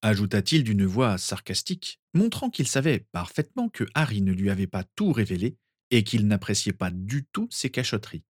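A man reads a story aloud with an expressive storyteller's delivery. His voice is low, with a lively, wide-ranging pitch, and the close recording is dry. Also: normal speed, no echo. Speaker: reader. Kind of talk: audiobook narration.

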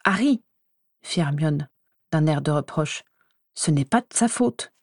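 A woman's voice: fairly low pitch, moderate pace, darkish tone, dry recording, clean studio sound, close to an everyday voice. A woman voicing an earnest teenage girl student who scolds and reproaches, in a raised voice. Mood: reproachful.

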